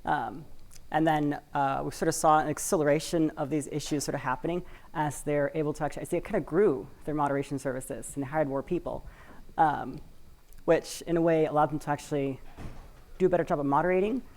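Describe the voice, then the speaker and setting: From a conference stage in front of an audience, a Washington State woman representing a community cooperative gives a loose, conversational talk heavy with fillers and hedges. Her low voice has a gravelly, creaky edge, yet her tone stays steady and a little mellow, and she speaks briskly.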